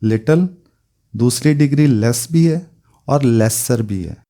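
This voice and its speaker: A man teaching English grammar in speech, spelling out each word form one by one in a slow lesson. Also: mid-range voice, dark tone.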